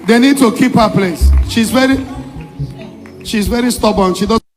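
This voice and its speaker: A man's voice: sits high, normal speed. A man with a Nigerian accent, an evangelist leading a church deliverance session with short, repeated questions and commands. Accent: Nigerian Igbo-English. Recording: echoey church hall with music.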